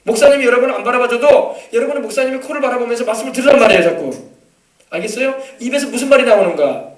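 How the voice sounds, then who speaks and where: Fast, high-voiced Korean pastor preaching. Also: male voice, distant mic. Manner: preaching with call-and-response questions. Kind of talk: sermon. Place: church sanctuary. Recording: echoey church from off-mic.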